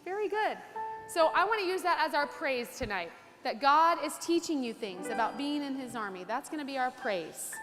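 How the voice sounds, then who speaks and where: Woman leading a kids' service, high voice, gentle and prayerful, long hall reverb, music behind. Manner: gentle, prayerful, asks the children questions. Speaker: children's service leader. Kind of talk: leading a children's church service.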